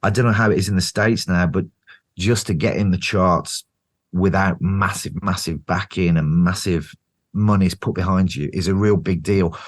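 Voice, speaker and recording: A man's voice: low voice, normal speed. A middle-aged British man, a band singer as guest, telling road stories in a casual interview, swearing freely and acting out what people said. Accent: British English. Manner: animated storyteller, swears freely, acts out quotes.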